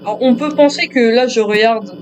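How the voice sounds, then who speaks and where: A man's voice: extremely high pitch, normal speed. A male gamer doing joking commentary on a horror game, talking to himself and to viewers as he plays.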